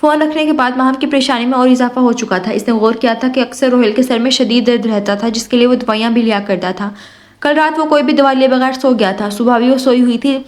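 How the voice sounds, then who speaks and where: A woman narrating a romance novel as an audiobook, in a steady, soft storytelling manner. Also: fairly high pitch.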